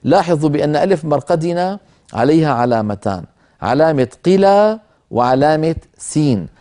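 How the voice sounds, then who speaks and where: Mellow-voiced male recitation teacher. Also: fairly high pitch, expressive. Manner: measured, explanatory, pauses to demonstrate recitation slowly. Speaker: Quran recitation teacher, program host. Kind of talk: televised tajweed lesson.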